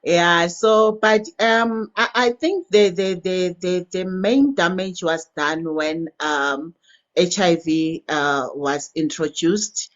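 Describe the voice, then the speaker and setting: A woman, a nurse trainer, speaking on a live stream in a measured, explanatory way. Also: fairly low pitch. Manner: measured, explanatory, many fillers and restarts. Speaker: nurse trainer joining as a guest. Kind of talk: unmuted caller on a live stream. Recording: lo-fi call audio.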